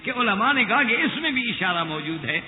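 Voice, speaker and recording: A man preaching a sermon who retells stories with acted dialogue and chants scripture slowly. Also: high-pitched, very animated, a little hiss or hum. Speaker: Islamic preacher. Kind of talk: Urdu sermon with storytelling. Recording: tinny lo-fi with long reverb.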